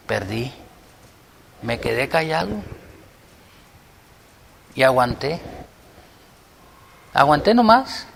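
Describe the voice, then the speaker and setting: A man, preaching a sermon as pastor, moving between loud appeals and hushed prayer. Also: fairly high pitch, creaky, big-room sound.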